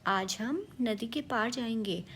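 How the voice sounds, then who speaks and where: A woman's voice: a little high, takes it slowly, a bit bright, breathy edge, full character voice. A woman voicing a brave, cheerful young male dog in a storybook, confident and teasing. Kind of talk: storybook character voice.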